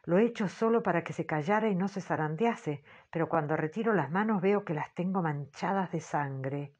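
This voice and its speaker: A woman reading an audiobook in a measured, low-key way, on a dull, muffled recording. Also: a little mellow, husky. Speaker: audiobook narrator. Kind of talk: scripted literary narration.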